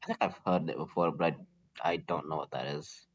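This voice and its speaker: A man's voice: extremely low pitch, steady tone, a little fast, slightly rough, muffled recording. A man chatting casually as a player in a game, rambling and joking a little self-consciously. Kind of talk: casual chat during a game.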